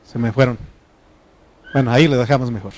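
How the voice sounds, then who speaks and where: A middle-aged man preaches at a fairly quick pace, his mid-range voice a little mellow. The pastor is Mexican, speaks Triqui as his first language, and has a Mexican Spanish accent. His sermon is folksy, and he asks the congregation to respond.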